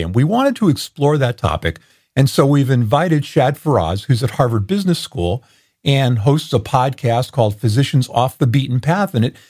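A man hosting a business podcast, interviewing a guest in a lively, conversational way. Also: medium pitch, no room sound, clean studio sound. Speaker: podcast host.

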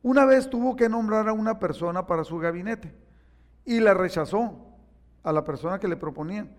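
With a high-pitched voice at a moderate pace, a preacher delivers a sermon full of lively stories, performing each quote as he goes. The sound carries heavy hall echo.

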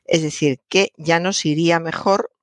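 A woman's voice: sits low, steady tone, normal speed, dry recording, clean studio sound. A woman gives a radio talk on correct usage, patiently spelling words out and repeating her examples. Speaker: language commentator on a radio show.

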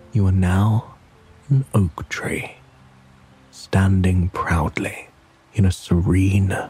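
Guy doing sleep story narration, really slow n low, soft breathy calm voice, music behind. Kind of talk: soothing sleep story narration, guided relaxation.

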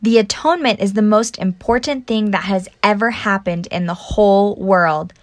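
A woman podcast host telling stories to children in an animated, simple explaining way, recorded at home without a proper mic. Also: mid-range voice, normal speed, no room sound. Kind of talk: scripted children's storytelling podcast.

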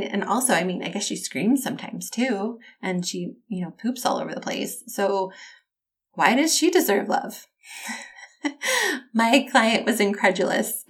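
A woman giving a self-help talk as a life coach, speaking in a warm, encouraging, conversational way and addressing her listeners directly. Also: mid-range voice.

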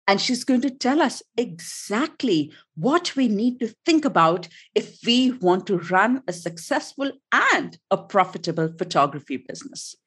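A woman hosting a podcast interview, introducing her guest with eager, effusive praise. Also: mid-range voice. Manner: enthusiastic, effusive. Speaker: podcast host.

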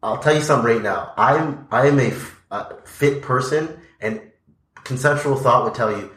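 Again an earnest, reflective podcast guest, this man leans heavily on "like" and "you know" during a casual interview conversation. He speaks at normal speed and medium pitch, with a fairly bright tone in an echoey room.

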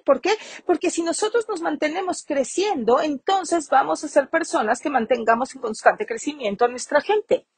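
A woman's voice: high-pitched, a little mellow, husky, no echo. A woman hosting a motivational business podcast, speaking emphatically and repeating phrases for stress. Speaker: podcast host.

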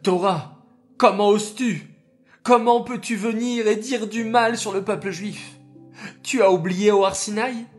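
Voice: mid-range voice, animated, slow, a bit bright, soft background music. Brief: impassioned patriarch defending his people, children's audio story, put on by the narrator. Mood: pleading, indignant. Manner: impassioned, pleading.

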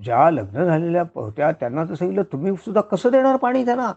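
A man doing a teasing old sage with a gravelly, raised voice. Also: sits high, fast, a little mellow, highs cut off. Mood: coaxing. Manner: coaxing questions. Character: mischievous old male sage, teasing and curious.

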